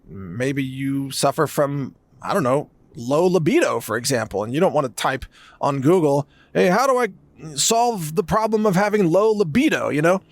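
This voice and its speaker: A man's voice: on the high side, dry recording. A middle-aged man hosting a podcast, delivering an emphatic monologue that builds through long lists of phrases. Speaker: podcast host. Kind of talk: monologue commentary.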